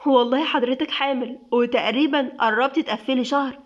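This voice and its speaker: A woman's voice: high-pitched, quick pace, lightly acted. A woman with an Egyptian accent voicing a cheerful, reassuring female doctor in a read-aloud story. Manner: reassuring and kindly. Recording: dull lo-fi sound.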